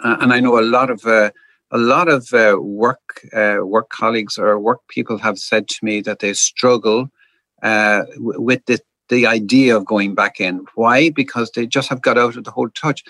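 A man's voice: medium pitch, steady tone, moderate pace, fairly bright tone, no echo. A man who is a doctor, answering interview questions in a hesitant way, with many "uh"s and repeated words. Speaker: doctor, podcast guest.

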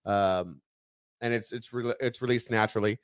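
A man co-hosting a podcast, explaining a news story at length in a loose, rambling way with many pauses. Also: fairly low pitch, fairly even intonation, dry recording, clean studio sound. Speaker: podcast co-host. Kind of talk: casual chat.

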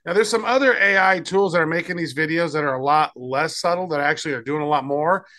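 A man's voice: a little high, quick pace, bright, forceful tone. A man co-hosting a podcast, chatting loosely as he demos tools, often trailing off and restarting. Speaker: podcast co-host. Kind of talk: casual chat demoing tools.

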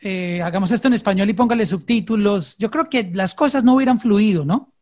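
A woman hosting a casual interview, chatty and quick to react. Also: mid-range voice, darkish tone. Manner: chatty, reactive, laughs along. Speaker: host.

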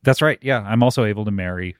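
A man's voice: on the low side, fast, dry recording. Guy podcast host just riffing and chatting casually, jokey back and forth, really dry recording. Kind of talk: casual comedic podcast banter.

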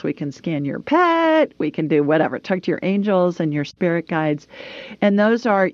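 A woman's voice: fairly low pitch, darkish tone, dry recording. A woman hosting a call-in show in a casual, chatty way, recorded with slightly dull sound. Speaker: host of a psychic call-in show.

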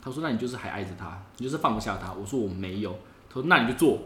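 Guy telling his story quick and bright, voice jumps all over, echoey room. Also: fairly low pitch. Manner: animated, acts out pleading messages, laughs often. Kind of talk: casual podcast storytelling. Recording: echoey room with faint background noise.

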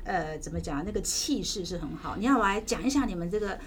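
Female host, Taiwanese accent, mid-pitched, conversational and chatty, slight background noise. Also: lively intonation, fairly quick. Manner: chatty, uses many interjections. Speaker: podcast host, magazine editor-in-chief. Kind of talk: conversational show hosting.

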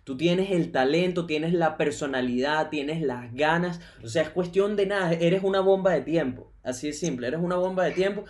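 A man's voice: fairly high pitch, moderate pace, few pauses, darkish tone. A man hosts a casual podcast in a slightly raised voice. He talks in an encouraging, emphatic manner, repeating phrases to drive a point home. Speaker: podcast host.

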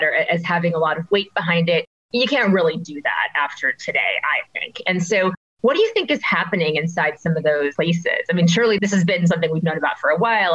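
Low-voiced woman hosting a panel, dull sound. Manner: conversational questioning. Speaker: host. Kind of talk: panel discussion.

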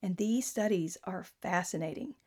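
A woman's voice: fairly low pitch, moderate pace, darkish tone. A woman giving an inspirational talk in an earnest, conversational way. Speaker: speaker.

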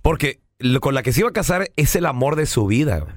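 A man's voice: mid-range voice, lively intonation, fairly quick, no room sound, clean studio sound, soft background music. A man with a Mexican accent hosting a joking radio talk show, telling a story in slang and acting out the quotes.

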